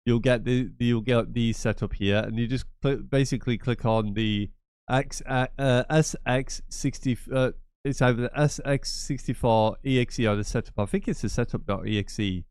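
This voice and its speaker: This gaming channel host has a cold, so his medium-pitched, slightly mellow voice comes out stuffy and nasal. He moves at a moderate pace through a casual screen-share tutorial, chatty and repetitive, wandering into rambling asides. The studio-quality recording is clean, with no echo.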